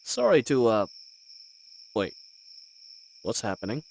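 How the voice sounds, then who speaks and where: A roguish fantasy bandit leader, acted by a man, wry and blustering, with an animated mid-pitched voice. He talks in a folksy, teasing way, as if thinking on his feet. Faint night ambience with crickets sits behind him. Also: slow, gravelly, a little hiss or hum, exaggerated voice, poor audio. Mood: sheepish, bluffing. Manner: folksy, teasing, conversational with hesitations. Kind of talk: scripted fantasy audio roleplay.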